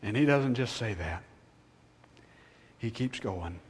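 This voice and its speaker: A man preaching a sermon, swinging from hushed, drawn-out phrases to loud, emphatic appeals. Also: fairly low pitch, animated, breathy edge, long reverb tail.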